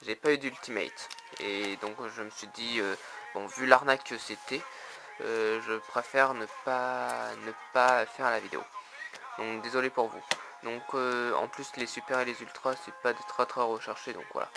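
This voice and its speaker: A man chatting casually on video as he shows his trading cards, halting with many fillers and repeating the same stock phrase again and again. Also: medium pitch, fairly even intonation, vocal fry. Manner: keeps repeating "donc voilà", a tic he admits to. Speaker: trading card collector showing his trade binder.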